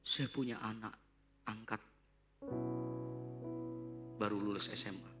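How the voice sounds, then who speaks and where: A male pastor preaching a sermon in a church, swinging from loud shouts to hushed whispers. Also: fairly low pitch, steady tone, slow pace. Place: church hall. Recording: live church sermon with guitar. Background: guitar music.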